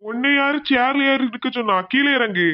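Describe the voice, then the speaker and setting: A man's voice: very high-pitched, normal speed, highs cut off, background noise. A man voicing a stern, threatening sweet-shop owner in a cartoon, scolding and bossy. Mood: angry.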